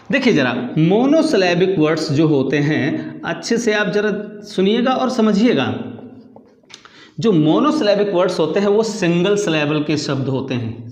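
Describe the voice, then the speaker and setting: A man with a high voice delivers a grammar lesson in lecture style. He repeats the key words and keeps putting questions to his students. The sound has a roomy echo. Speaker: English grammar teacher. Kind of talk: classroom lecture in Hindi. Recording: echoey room.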